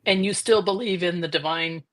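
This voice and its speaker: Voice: medium pitch, a little fast, a bit bright. The host of a live video-call interview, asking short questions and giving brief encouraging replies. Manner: short prompts and encouraging backchannels.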